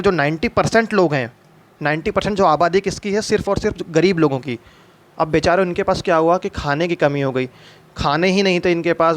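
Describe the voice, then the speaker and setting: A man teaching a history lesson in a loose, conversational way, posing questions and answering them himself. His voice sits a little higher than most men's. He restarts words often and slips English terms into his explanations.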